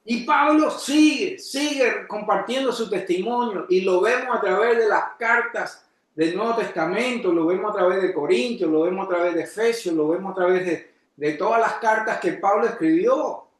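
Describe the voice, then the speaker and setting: A man preaching a sermon as pastor, asking his congregation questions and breaking into sudden shouted emphasis. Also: high-pitched, moderate pace. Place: church. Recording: echoey church hall.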